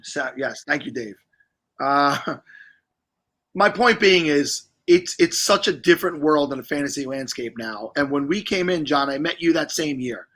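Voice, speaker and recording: A middle-aged man talks loosely and at length as a livestream host, wandering through his points with jokey asides. His voice sits a little high and comes across bright and forceful. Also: expressive, unhurried. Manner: chatty, rambling, jokey. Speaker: podcast host. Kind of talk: casual livestream chat.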